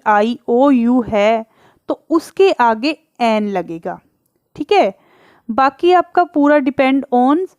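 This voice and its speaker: A woman's voice: high-pitched, clear, resonant tone, no echo. A woman teacher patiently explaining English grammar in Hindi, asking the class questions and answering them, drawing out letters and examples.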